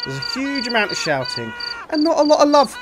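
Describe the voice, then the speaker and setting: A man commentating his own playthrough of a game in an animated, joking, self-mocking way, full of exclamations. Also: very high-pitched, a little fast, noisy background. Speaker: gaming video host. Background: game music.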